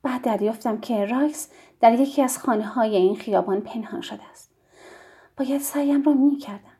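A woman narrating a novel as an audiobook, in a hushed, intimate reading that drops to a whisper. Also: fairly high pitch, breathy edge.

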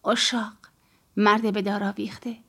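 A woman narrating an audiobook in the first person, with a calm, measured, reflective reading. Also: mid-range voice, breathy edge.

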